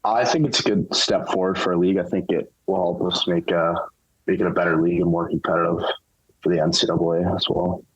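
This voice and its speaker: A young man answering interview questions casually, in a relaxed, halting way with lots of fillers. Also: low voice, slightly rough, low-quality recording. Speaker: interview guest, hockey player.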